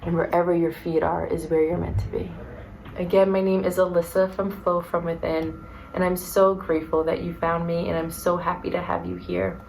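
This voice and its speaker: Soft-spoken earnest woman, low even voice. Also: moderate pace, gravelly, a little hiss or hum, rough recording. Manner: soft, earnest and repetitive, gets emotional. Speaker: vlogger. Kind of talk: heartfelt personal vlog talk.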